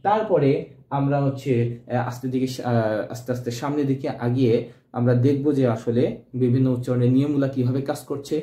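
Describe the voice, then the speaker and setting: A man's voice: mid-range voice, fairly quick, warm tone. A male teacher giving an exam-prep grammar lesson, asking questions and answering them himself. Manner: quizzing, answers own questions. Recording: echoey room.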